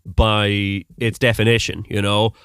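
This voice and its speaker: A young Irish man from Mullingar, Westmeath, a podcast host now being interviewed, rambles casually through his answers with many ums. His accent is fairly neutral with notes some hear as American, and his low, smooth, slightly bright voice moves little in pitch at an unhurried pace. The recording is dry and clean, with studio sound.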